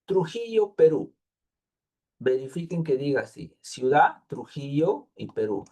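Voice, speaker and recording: A man's voice: on the high side, sing-song, unhurried, mellow. A man, a thesis advisor taking students patiently through formatting details, repeating points and thinking aloud. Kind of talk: online class instruction.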